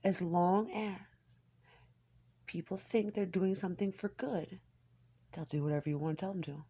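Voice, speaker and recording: A woman in a rambling, confessional personal monologue, halting and candid, with a husky, gravelly voice that often drops toward a whisper. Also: lowish voice, steady tone, warm tone. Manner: halting, hesitant, candid, swearing.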